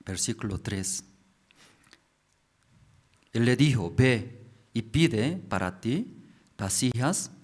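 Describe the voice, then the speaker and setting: A man's voice: mid-range voice, darkish tone. A man preaching as a pastor. He repeats phrases and keeps asking the congregation questions. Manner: repetitive, asks the congregation questions. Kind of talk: slow sermon explaining scripture.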